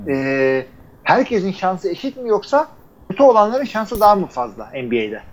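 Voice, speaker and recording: A man's voice: high-pitched, big pitch swings, moderate pace. A man co-hosting a podcast in a casual, rambling chat full of fillers, heard over a phone line. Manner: loose, rambling talk with many fillers. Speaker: podcast co-host.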